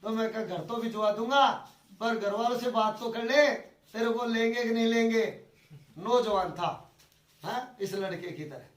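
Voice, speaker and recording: A man's voice: very high-pitched, moderate pace. A man from Rajasthan giving a devotional talk as a preacher, telling stories and acting out the dialogue. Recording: echoey from far off.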